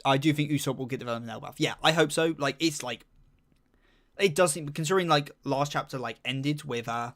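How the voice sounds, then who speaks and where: A man's voice: on the high side, brisk, fairly bright tone. A young man chatting casually on a live stream, reading chat and rambling with lots of fillers while humming to himself.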